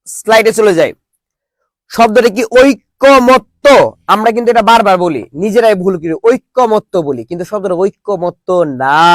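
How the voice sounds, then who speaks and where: A man's voice: high-pitched, no echo. A young man teaching a live online Bangla class, joking with students and drilling them with call-and-response questions.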